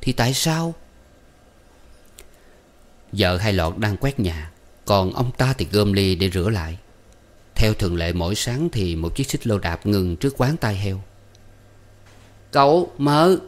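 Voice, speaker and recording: A male audiobook narrator with a fairly low voice. He reads the story in a measured, steady manner.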